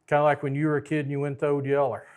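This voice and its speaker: A man's voice: on the high side, completely flat delivery, racing, a little mellow, clear, resonant tone. A man preaching a storytelling sermon in a folksy way, with joking asides.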